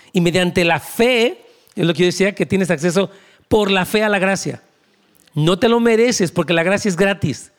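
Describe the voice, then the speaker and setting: A man, preaching a conversational, emphatic sermon as pastor, with asides to the congregation. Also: sits high.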